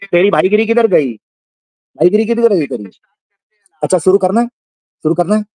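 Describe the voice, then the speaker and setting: A man's voice: high-pitched, animated, normal speed, dark tone, no echo. A man hosting a livestream debate, taunting and repeating his jabs in a heated call-out. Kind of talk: heated live call-out on stream.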